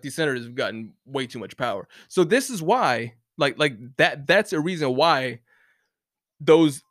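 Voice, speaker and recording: A man's voice: mid-range voice, a bit bright, no echo, studio quality. A man ranting casually, rambling with many restarts and fillers and swearing freely. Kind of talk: casual rant to camera. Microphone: close mic, bumped once.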